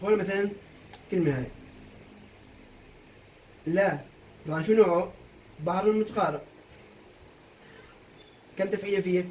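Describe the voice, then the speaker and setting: A young man teaching a poetry meter lesson for exam prep, quizzing students with quick questions and answering them himself. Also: high voice, a little mellow, far from the mic, low-quality recording. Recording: voice a bit off-mic, faint room noise.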